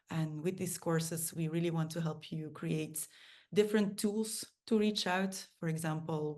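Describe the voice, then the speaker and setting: A woman's voice: lowish voice, darkish tone. A woman hosting an online lunch talk as project manager, giving organized announcements with some fillers over a video call.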